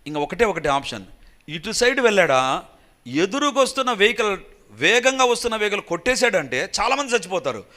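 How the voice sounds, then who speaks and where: Animated male preacher. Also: high voice, brisk. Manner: animated storytelling, acting out voices and cries. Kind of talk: sermon testimony storytelling.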